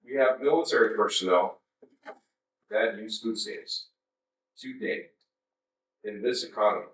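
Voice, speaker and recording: A man's voice: mid-range voice, fairly bright tone. A man in his fifties giving a conversational conference keynote, with wry asides to the audience. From United States. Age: 50s. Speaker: keynote speaker. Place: large darkened conference hall. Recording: roomy hall sound from a distance.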